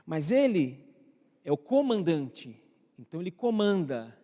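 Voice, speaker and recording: Preaching in a church hall with a long reverb, this Brazilian-accented pastor keeps his sermon conversational, asking his congregation question after question and speaking to people online at home. He talks a little slowly in a mellow, fairly high voice with big pitch swings.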